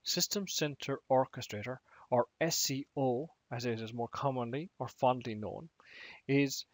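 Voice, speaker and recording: A man giving a technical training lecture on IT management, speaking in a measured way and slowing down to stress key words. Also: medium pitch, no echo.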